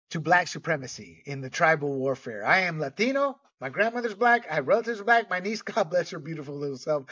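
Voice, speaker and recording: A man's voice: on the high side, pushed and bright, breathy edge. A man from Panama hosting a casual monologue, blunt and ranting, with frequent filler words and the odd swear. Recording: dull lo-fi audio, distant from mic.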